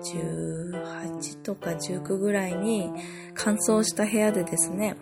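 Hoarse lady doing her podcast, kinda gravelly, chatty and laughing at herself, soft music under it. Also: fairly low pitch, steady tone, measured pace. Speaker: podcast host. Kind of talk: casual solo podcast chat.

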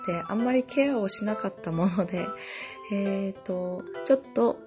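A woman hosting a podcast, talking casually and amused at herself, her voice hoarse from overuse. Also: mid-range voice, moderate pace, over music. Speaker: podcast host. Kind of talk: casual solo podcast chat.

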